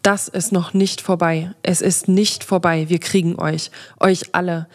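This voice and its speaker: A woman's voice: lowish voice, little pitch movement, measured pace, lightly acted. A woman reading the lines of a defiant, fanatical female witch leader in an audio story. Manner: bitter and defiant.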